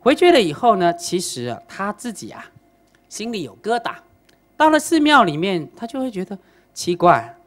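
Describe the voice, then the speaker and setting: A woman lecturer giving a Buddhist dharma talk and narrating a story. She speaks in a fairly low voice whose pitch rises and falls very widely, and she keeps asking her listeners rhetorical questions.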